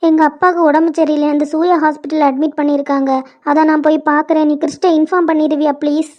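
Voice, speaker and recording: A woman's voice: high voice, level tone, quick pace, warm tone, close to an everyday voice. A woman voicing a caring young working daughter in a cartoon, with a Kanyakumari Tamil accent. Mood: tearful. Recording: lo-fi dull audio.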